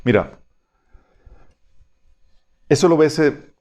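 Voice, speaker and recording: A man's voice: a little high, lively intonation, extremely slow, a little mellow. A man teaching a Bible study in a conversational way, reading passages aloud and often checking that his listeners follow.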